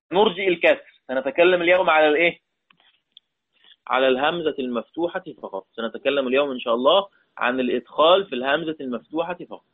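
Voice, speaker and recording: A man's voice: a little high, breathy edge. A man with an Egyptian accent teaching a recitation lesson, repeating his points, quizzing his listeners and drawing out recited words. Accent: Egyptian Arabic. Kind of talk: classroom lesson. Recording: tinny phone-like sound.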